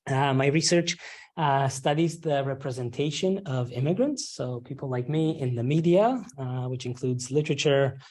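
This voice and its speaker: A man in his thirties from Romania, giving a workshop presentation to faculty in a halting way, with frequent ums and a habit of asking "right?". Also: medium pitch, darkish tone. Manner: halting, many ums and uhs, tags rhetorical questions with "right?". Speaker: university lecturer leading a faculty workshop.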